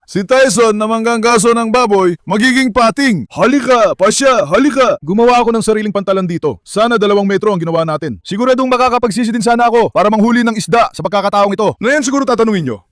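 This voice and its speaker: A man's voice: very high-pitched, fairly bright tone, no room sound, clean studio sound. A man vlogging casually from his backyard pool, coaxing and calling his dogs with affectionate talk to them and his viewers. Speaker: vlogger and dog owner.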